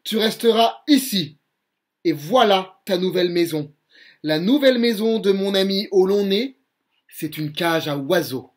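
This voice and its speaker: A man voicing a greedy, bullying puppet showman in a children's story reading, with loud roaring threats. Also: sits high, expressive, a little slow. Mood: gloating.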